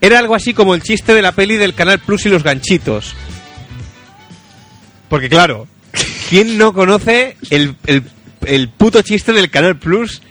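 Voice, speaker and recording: This Spanish radio host, speaking with a Spanish accent, jokes casually and reads listener messages aloud over background music. His voice sits high and fairly bright, with lively intonation. He takes his time and pauses often.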